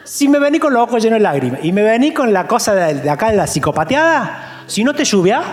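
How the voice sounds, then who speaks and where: A man with an Argentine Spanish accent preaching a sermon as a pastor, animated and joking, acting out the voices of people he quotes. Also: high-pitched, quick pace, roomy sound, big-room sound.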